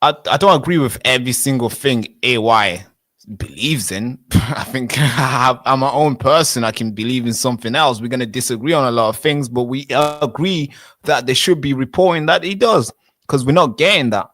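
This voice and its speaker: A man's voice: medium pitch, normal speed, fairly bright tone, dry recording. A man in his twenties, born in Tanzania, arguing insistently in a heated street debate and cutting in to hold the floor. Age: 20s. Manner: insistent, interrupts with repeated "wait, wait". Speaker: interviewee.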